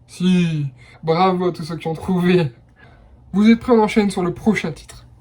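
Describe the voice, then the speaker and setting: A man's voice: high voice, normal speed, background noise. A young man hosting a casual blind test quiz, chatty and enthusiastic, with personal asides between rounds. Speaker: quiz host.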